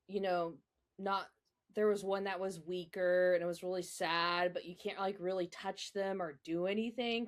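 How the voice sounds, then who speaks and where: A young woman co-hosting a podcast, telling stories in casual chat with many fillers. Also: on the low side. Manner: chatty storyteller, filler-heavy. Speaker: podcast co-host.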